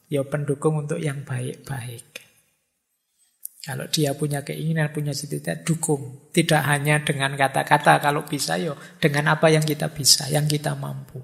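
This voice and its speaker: A man with a Javanese accent giving a relaxed public talk to an audience as lecturer, chatty and joking with everyday examples. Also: on the high side, gravelly.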